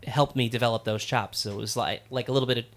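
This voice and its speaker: A man talking as a guest musician in a casual studio chat, relaxed and rambling with plenty of fillers. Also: medium pitch, fast talker.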